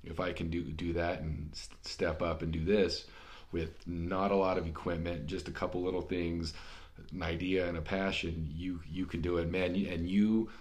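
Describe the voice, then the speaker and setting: Low-voiced stammering podcast host man. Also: level tone, moderate pace, a little mellow. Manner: encouraging, stammers and repeats words. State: slightly hoarse from illness. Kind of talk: casual conversation.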